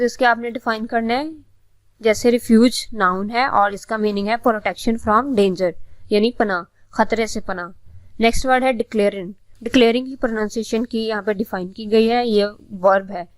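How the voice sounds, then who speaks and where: Woman, Pakistani accent, teacher, patient explaining, higher pitch, dry recording. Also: steady tone, dry recording. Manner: patient, repeats words slowly and explains twice. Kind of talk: classroom lesson explaining vocabulary.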